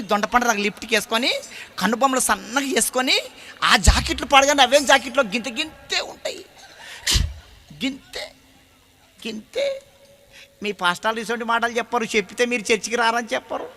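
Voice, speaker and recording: A male preacher speaking with a Telangana Telugu accent delivers a folksy sermon full of animated, blunt storytelling. His voice is strikingly high and piercingly bright. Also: fast.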